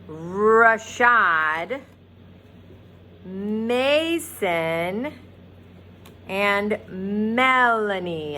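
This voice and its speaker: A woman teaching young children in a virtual circle time lesson, speaking in a slow, clearly enunciated, encouraging sing-song way. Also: mid-range voice, a bit bright, a little hiss or hum. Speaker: preschool teacher.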